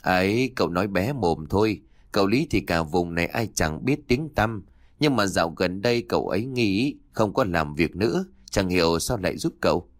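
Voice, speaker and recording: A man voicing a nervous, gossipy middle-aged woman who keeps a tea stall, talking in a hushed, fretful way. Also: low-pitched, animated, moderate pace, no room sound, clean studio sound.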